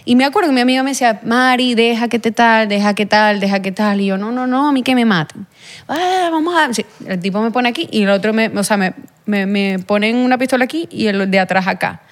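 Speaking at a quick, steady clip in a mid-range voice, this young Venezuelan-accented woman is the guest in an interview. Her personal story rambles, packed with fillers and reenacted dialogue.

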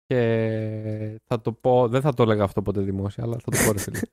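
A man chatting as a podcast guest, low-key and laid-back, explaining things at length. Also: fairly even intonation, darkish tone, no echo, clean studio sound. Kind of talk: casual chat.

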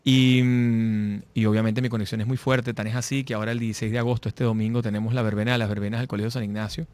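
A middle-aged man with a Venezuelan accent, a guest speaking in a casual interview, animated, repeating and restarting his words. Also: lowish voice, quick pace, no room sound. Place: lives in Madrid.

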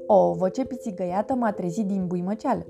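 A woman narrating a children's storybook as a cheerful, boastful little boy earthworm, playful and animated. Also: mid-range voice, vocal fry, natural voice. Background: background music.

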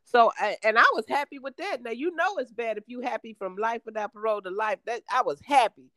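A middle-aged woman telling her life story in conversation, emphatic and lively, acting out the voices of others. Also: on the high side, brisk, no echo, rough recording.

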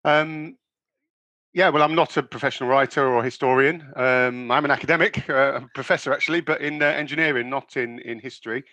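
A middle-aged man raised in England, a guest author telling his story in an interview, with many pauses, ums and restarts. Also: mid-range voice, fairly even intonation, pushed and bright, dry recording, muffled recording. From born in the USA, raised in England. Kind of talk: conversational interview.

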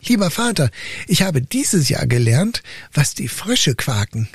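A man's voice: fairly high pitch, sing-song, unhurried, slightly rough, no echo, studio quality, pitched above the performer's own voice, full character voice. A man voicing a simple young son who earnestly answers his father.

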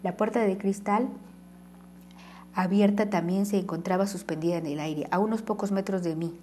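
A woman's voice: mid-range voice, fairly even intonation, moderate pace, dark tone, slight background noise. A woman narrating a first-person novel aloud, reading dialogue with light shifts and sometimes stumbling and restarting. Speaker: audiobook narrator.

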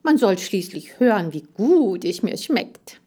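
A woman voicing a greedy, excitable male hamster who shouts with glee. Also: mid-range voice, unhurried, husky. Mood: boastful.

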